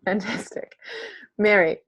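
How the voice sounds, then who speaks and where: A woman's voice: mid-range voice, fairly even intonation, a little slow, fairly bright tone, breathy edge, no echo. A woman with a New Zealand accent leading an online class call, speaking informally and calling on people by name. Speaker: course facilitator. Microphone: video call.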